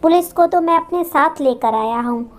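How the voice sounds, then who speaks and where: A woman's voice: high voice, normal speed, voice pushed up, lightly acted. A woman voicing a kind, concerned male lawyer who checks on a widow in a spoken story.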